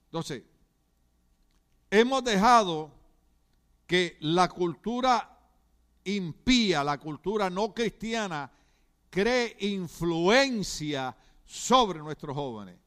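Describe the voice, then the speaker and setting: A middle-aged pastor preaches in a church with a fairly high voice. He is lively and questioning, turning to the congregation again and again. His delivery is animated and direct. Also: very slow, long pauses. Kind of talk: sermon.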